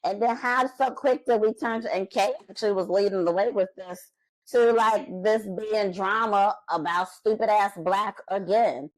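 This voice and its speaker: A woman's voice: medium pitch, normal speed, dry recording, rough recording. Blunt, shady woman recapping reality TV. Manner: blunt, shady, acts out quotes. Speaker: podcast co-host. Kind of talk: casual recap chat.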